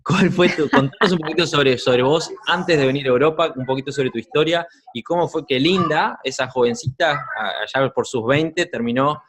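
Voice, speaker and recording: A man's voice: fairly high pitch, normal speed, few pauses, a bit bright. A man with a Rioplatense Spanish accent, hosting a podcast in a friendly, curious, conversational way. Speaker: podcast host. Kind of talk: podcast interview.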